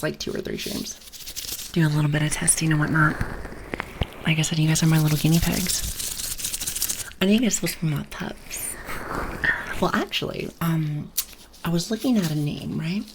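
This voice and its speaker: A woman chatting casually on an ASMR stream, talking softly right into the listener's ear and often slipping into whispers, with a playful, gently silly manner. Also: deep voice. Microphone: close ASMR microphone. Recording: clear background noise and clicks.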